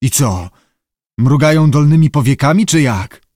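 A man voicing a gruff middle-aged ship captain with a curt, commanding way of talking, in an audiobook reading. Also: a little high, lively intonation, normal speed, darkish tone, no room sound, studio quality. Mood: gentle.

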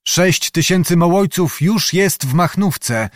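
A man's voice: high voice, expressive, slow, no room sound, clean studio sound, voice pushed up. A man reading an audiobook, voicing a youthful nobleman who reports news in an earnest, plain way. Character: young boyish male nobleman bringing news.

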